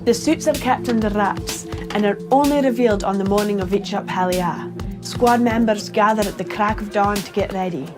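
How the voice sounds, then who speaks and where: A woman's voice: medium pitch, normal speed, over music. A woman from Shetland with a Shetland Scottish accent, presenting a scripted, humorous explainer in a playful way with theatrical emphasis. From Shetland, Scotland.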